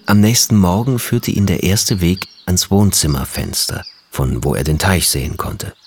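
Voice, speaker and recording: A man reading a children's storybook aloud with gentle, lively storytelling. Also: sits low, normal speed, a little hiss or hum.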